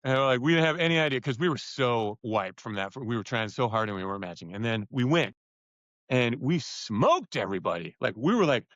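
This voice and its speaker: Animated guy on a podcast, lots of pitch swing, muffled dry audio. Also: fairly quick, dry recording. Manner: animated storyteller, acts out quotes, laughs often. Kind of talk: casual chat.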